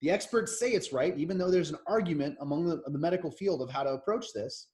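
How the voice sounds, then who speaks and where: An American man in his thirties co-hosts a podcast, rambling through opinionated political chat with frequent restarts. His voice is on the high side with a darkish tone, and he talks at a quick pace.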